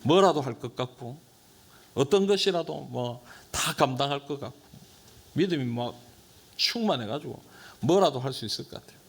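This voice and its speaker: A man's voice: medium pitch, normal speed, long pauses, slightly rough. A male pastor preaching a sermon and posing questions to his congregation. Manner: animated, rhetorical questions to the congregation. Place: church sanctuary.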